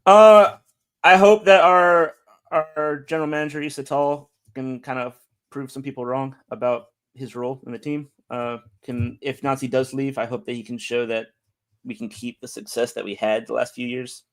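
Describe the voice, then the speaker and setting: A man's voice: mid-range voice, fairly even intonation, moderate pace, clean tone. A man with an American accent chatting casually as an interview guest, often repeating words as he thinks. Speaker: podcast guest, soccer fan.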